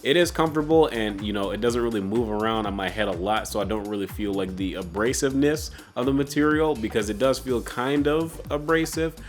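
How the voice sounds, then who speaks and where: A man's voice: mid-range voice, brisk, few pauses, faint music behind. A man with a sick, stuffy-nosed voice hosting a casual, conversational tech product review. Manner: informal, conversational delivery.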